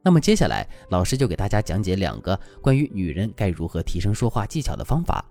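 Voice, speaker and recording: A man with a low, mellow voice teaches relationship advice in a scripted lesson. His delivery swings widely up and down in pitch, and he leads into each point with a rhetorical question. Soft music plays faintly underneath. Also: huge pitch swings, fast talker. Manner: explains step by step, asks rhetorical questions. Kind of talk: scripted instructional talk.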